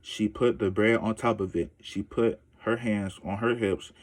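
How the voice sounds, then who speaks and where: Low-voiced man reading a children's book aloud. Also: a little slow. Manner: steady read-aloud with small self-corrections.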